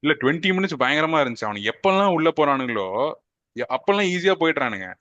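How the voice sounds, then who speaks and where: A man co-hosting a casual football podcast, speaking with a Tamil accent and mixing in English phrases as he gives animated opinions. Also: a little high, quick pace, no echo, dull audio. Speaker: podcast co-host.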